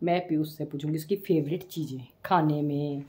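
A middle-aged woman vlogging at home, chatty and a little complaining, her breath short as she talks. Her voice sits low and mellow with a husky edge. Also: fairly even intonation, normal speed. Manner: chatty, complaining, self-deprecating. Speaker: vlogger, mother. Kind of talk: casual home vlog chat. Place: home, indoors.

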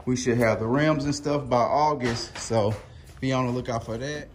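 It's a casual, rambling vlog: a man in his thirties, filler-heavy, speaks into a handheld camera with a foam mic as he moves around his driveway and garage. His voice is mid-range with fairly even intonation at normal speed, and faint background noise is present.

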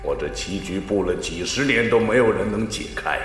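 A disembodied voice of an old martial arts master, played by a man, low and solemn. It rings through a long cavernous reverb with faint music behind. He sounds commanding, like an unseen hermit in a kung fu film. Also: lively intonation, moderate pace, close to an everyday voice.

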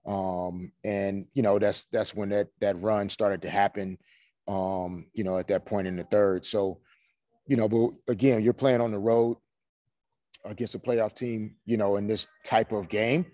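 A man in his forties, a head coach answering postgame press questions in a measured way, full of "you know" fillers, over a video call. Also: lowish voice, flat delivery, dark tone, no echo. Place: small room before a team logo backdrop. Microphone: video call webcam.

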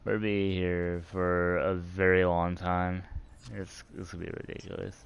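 A man's voice: deep voice, flat delivery, a little slow, vocal fry, clean tone, highs cut off. A man streaming a team shooter live, chatting and laughing as he plays. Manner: chatty, laughing, reacting loudly to the game. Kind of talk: live gameplay chat.

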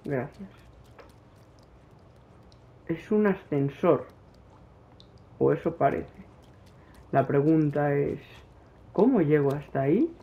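A man's voice: fairly high pitch, lively intonation, slow, pauses often, highs cut off. A man with a Spain Spanish accent doing let's play commentary, talking to his game character and nervously pleading. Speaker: gaming youtuber.

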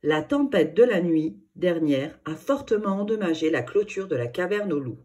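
A woman's voice: lowish voice, expressive, moderate pace, mellow, slightly rough. A woman reading a storybook, voicing a formal radio news presenter with an emphatic, announcing delivery.

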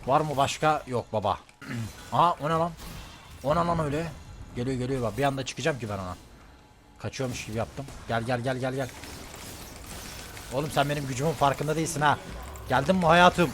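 With faint music behind him, a male streamer keeps up excited live commentary as he plays, regularly shouting and firing off repeated words in quick bursts. His pitch is medium.

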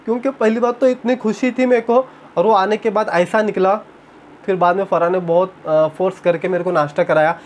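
A man's voice: sits high, fairly even intonation, fairly quick, a little hiss or hum. A young man, chatting casually in a home vlog and retelling a story with animation. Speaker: vlogger. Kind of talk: casual chat. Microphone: camera on tripod.

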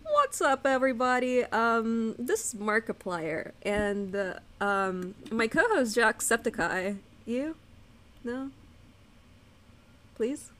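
A woman's voice: a little high, sing-song, takes it slowly, a bit bright. A young woman casually hosting a game playthrough with friends, giggling, swearing freely and trailing off into fillers as she reads the on-screen text aloud. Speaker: let's play host. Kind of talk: casual gameplay commentary with friends.

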